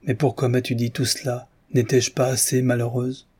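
A man's voice: medium pitch, flat delivery, normal speed, dark tone, husky, close to an everyday voice. A man reading aloud, voicing an indignant, grieving young widow who pleads in a raised voice. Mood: weary.

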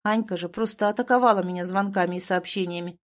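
A woman's voice: mid-range voice, steady tone, fast. A woman reading a first-person story aloud, in a conversational, slightly sardonic manner. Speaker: audiobook narrator.

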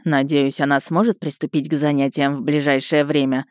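Brief: woman voicing a gruff older male rector for a fantasy audiobook, deep and clipped, close dry read. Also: flat delivery, a little fast, no echo, close to an everyday voice. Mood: stern. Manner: curt, weary, authoritative.

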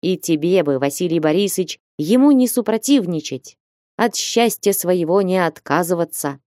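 A woman's voice: lowish voice, expressive, normal speed, dark tone, no echo, studio quality, natural voice. A woman voicing an older male godfather who coaxes and insists in an audiobook. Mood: coaxing. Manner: coaxing, insistent. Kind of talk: audiobook reading.

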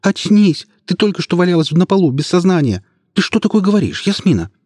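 A man voicing a frightened, desperate young man with a shrill, pleading delivery in an audiobook. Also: animated, a little fast, dark tone, breathy edge, no room sound, studio quality.

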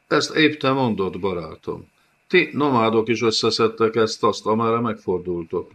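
A man's voice: fairly low pitch, a bit bright, lo-fi sound. A man doing a fawning, crafty little prisoner. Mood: wheedling. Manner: fawning, wheedling. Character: small bald crafty older male prisoner.

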